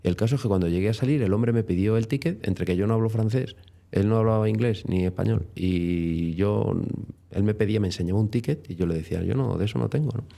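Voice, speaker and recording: A man's voice: fairly low pitch, brisk, creaky, mellow. A man with a Spain Spanish accent, a guest telling travel stories in a chatty, rambling way full of tag questions. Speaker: interview guest. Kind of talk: casual storytelling interview.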